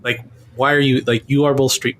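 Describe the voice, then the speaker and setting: A man with an everyday mid-range voice leads a casual tabletop game as its game master. He asks his players questions and guides them along in a relaxed, conversational way. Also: mid-range voice, fairly quick, slight background noise.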